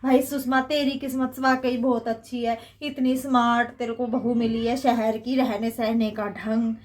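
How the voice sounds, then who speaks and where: A woman's voice: on the high side, level tone, moderate pace, close to an everyday voice. Woman playing a chatty Haryanvi mother-in-law. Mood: gossipy. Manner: chatty, gossipy. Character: chatty middle-aged village mother-in-law, gossipy. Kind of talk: comedy skit acting.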